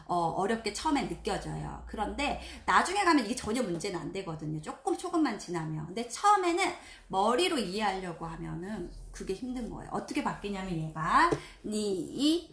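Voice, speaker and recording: A woman teaching Chinese pronunciation in a live online lesson, stretching out syllables slowly to demonstrate the tones. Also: fairly high pitch, fairly bright tone, reverberant.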